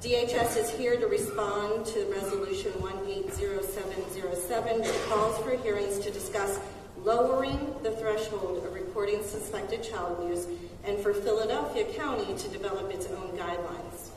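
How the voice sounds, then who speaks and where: A woman giving formal, measured testimony as a city official, recorded in a council hearing chamber. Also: mid-range voice, a little hiss or hum. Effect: council hearing-room recording. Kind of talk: reading a prepared statement at a hearing. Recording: echoey hall from far off.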